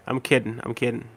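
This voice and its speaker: The host of this easygoing livestream, a man in his thirties, reads viewers' comments aloud with plenty of fillers and repetition, sounding tired and slightly unwell. His mid-range voice is husky, and there's no room sound.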